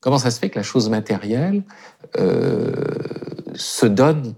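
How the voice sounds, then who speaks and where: Low, gravelly, husky man; halting, reflective philosophy radio guest. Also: expressive, mellow. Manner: hesitant, many fillers and restarts.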